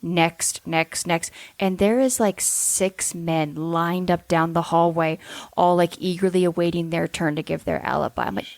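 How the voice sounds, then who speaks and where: A woman's voice: on the low side, moderate pace, creaky, a little mellow, no echo. A woman co-hosting a casual true-crime discussion, speaking in an opinionated, emphatic way. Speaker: podcast co-host.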